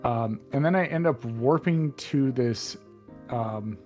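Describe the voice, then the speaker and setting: A man's voice: medium pitch, takes it slowly, darkish tone, faint music behind. Rambling young man in casual chat. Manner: rambling, retells scenes with put-on voices and laughs. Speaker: co-host.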